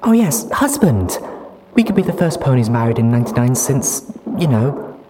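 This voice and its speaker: A man voicing a bubbly, naive young female pony who gushes loudly in a storybook reading. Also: medium pitch, very animated, normal speed, noisy background, pitched above the performer's own voice, natural voice. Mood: gushing. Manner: gushing and loud.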